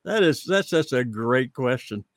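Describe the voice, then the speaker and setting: Halting male host, dry close sound. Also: mid-range voice, animated, no room sound. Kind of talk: unscripted live panel show hosting.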